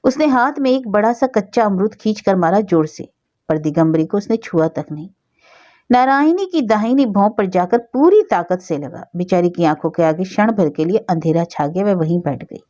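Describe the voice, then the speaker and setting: A woman narrating a story with a steady, expressive reading. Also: mid-range voice, normal speed, lo-fi sound.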